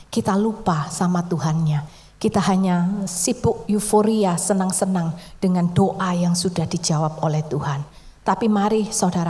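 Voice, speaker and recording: A woman preaching a sermon in a conversational storytelling way, often dropping to a soft near-whisper for emphasis. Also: lowish voice.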